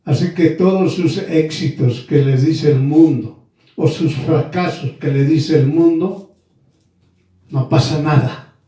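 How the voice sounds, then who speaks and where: Slow-preaching man in an echoey room. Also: on the high side, mellow, distant mic. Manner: slow, emphatic preaching with repeated phrases; addresses listeners formally as brother and sister. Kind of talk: sermon.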